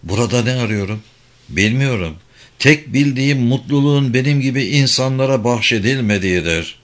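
A man's voice: medium pitch, normal speed, a bit bright, pitched above the performer's own voice, natural voice. A man doing a bitter, defiant young man. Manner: angry, scornful.

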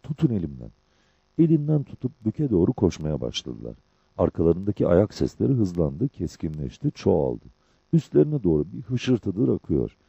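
A male audiobook narrator telling the story in a measured way, with a low, husky, dark voice. His pitch moves expressively. The recording is dry and sounds dull. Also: big pitch swings, no echo.

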